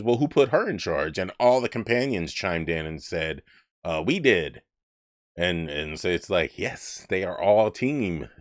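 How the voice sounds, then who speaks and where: A man's voice: low-pitched, no room sound, studio quality. A man co-hosting a casual livestream chat, rambling and joking about himself. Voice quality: rambling, joking, self-mocking. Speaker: podcast co-host.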